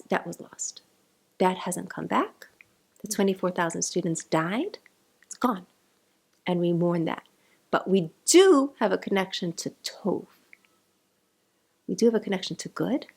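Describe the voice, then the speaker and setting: A woman's voice: medium pitch, gravelly, darkish tone. A woman with a South African accent giving an informal Torah class, chatty and digressive, mixing in Hebrew terms. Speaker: Torah teacher.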